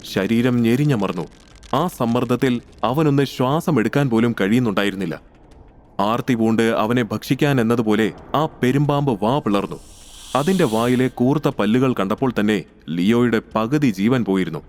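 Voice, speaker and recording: A man narrating a scripted audio story in a steady, measured way. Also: mid-range voice.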